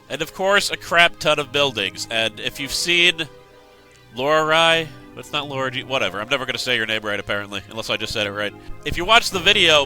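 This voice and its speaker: A young man who has just woken up and sounds congested hosts a casual game news roundup, rambling with self-corrections and joking asides. His voice is a little high, bright and forceful.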